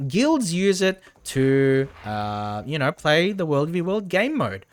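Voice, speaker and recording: A man with a fairly high, sing-song voice speaks slowly while livestreaming a game. His commentary is casual and rambling, and he often repeats his phrases as he chats.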